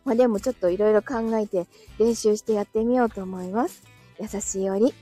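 A woman's voice: medium pitch, a little fast, warm tone, faint music behind. A woman hosting a casual live audio stream, chatting, reading out listener comments and laughing often, with a dry throat.

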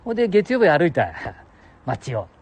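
Gruff older man, heavy ramble. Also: a little high, big pitch swings, a little slow, dull audio. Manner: gruff, jokey, talks to listeners as "お前". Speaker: solo audio show host. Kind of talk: rambling casual monologue. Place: outdoors beside a public toilet.

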